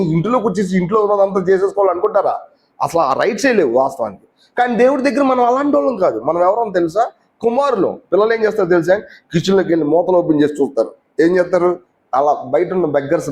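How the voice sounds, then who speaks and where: Man, preacher, somewhat high voice, conversational sermon, asks questions, mixes in English words. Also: darkish tone. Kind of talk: sermon teaching.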